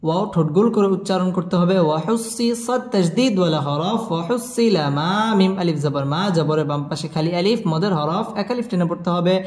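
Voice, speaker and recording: High-voiced man teaching Quran recitation. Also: darkish tone, reverberant, long reverb tail. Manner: spells letters one by one, then chants verses slowly and drawn out. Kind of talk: Quran recitation lesson with slow chanting and quick spelling rules.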